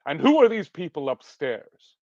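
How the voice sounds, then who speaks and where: A man's voice: on the high side, big pitch swings, normal speed, a little mellow, no echo, highs cut off. A man playing a strong, stubborn male warrior hero who speaks bluntly and insists on answers. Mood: insistent.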